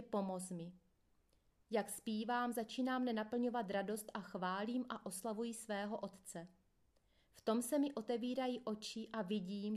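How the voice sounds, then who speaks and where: A woman narrating a first-person memoir in a steady, plain reading voice. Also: on the high side. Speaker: audiobook reader.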